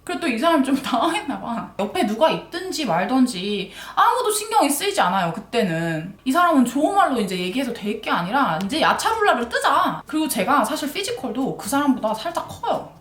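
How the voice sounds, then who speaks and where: Lively, swearing woman vlogger in an echoey room. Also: high voice, fairly quick, few pauses. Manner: animated, blunt and swearing, acting out her story. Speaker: beauty vlogger. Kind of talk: casual storytelling while doing makeup.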